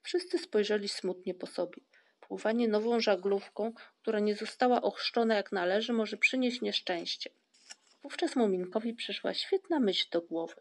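A woman narrating a storybook in a calm, measured way. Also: medium pitch. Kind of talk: audiobook reading.

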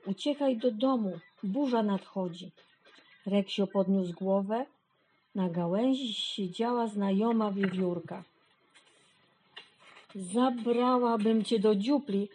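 A woman reading a children's animal story aloud, gently and unhurriedly, lightly voicing the animals. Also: mid-range voice, husky, low-quality recording.

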